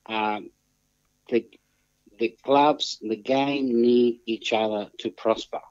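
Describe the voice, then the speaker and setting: An Australian man speaking as a phone-in guest, measured and formal, with halting, deliberate phrasing. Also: medium pitch, fairly even intonation, darkish tone, clean tone, dry recording. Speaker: phone-in guest on a football show. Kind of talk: measured discussion. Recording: muffled lo-fi phone line, very dry.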